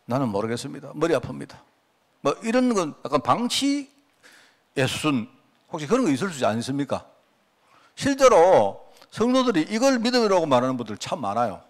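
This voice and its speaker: A pastor delivers a conversational sermon in a fairly high voice whose pitch swoops wildly, speaking a little fast. He asks his congregation rhetorical questions and acts out quoted prayers and remarks.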